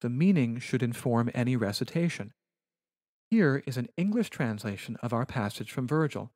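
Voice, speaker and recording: A man at a mid pitch lectures on Latin verse in a careful, precise way, as if walking through slides. The recording is close and dry, with no room sound. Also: expressive, a little mellow, dry recording. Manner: measured, precise, explanatory.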